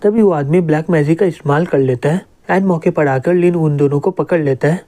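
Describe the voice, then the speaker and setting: A man narrating a comic story with a steady, plain retelling. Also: fairly high pitch, fairly quick. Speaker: manga explainer narrator.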